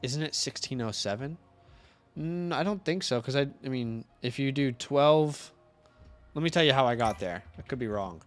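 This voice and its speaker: A young man in his twenties co-hosting a casual live stream, rambling and working through numbers out loud at a steady middle pitch. Faint music sits behind his voice. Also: normal speed, no room sound. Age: 20s. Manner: rambling, thinks aloud, counts out loud. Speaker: co-host. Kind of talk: casual livestream chat.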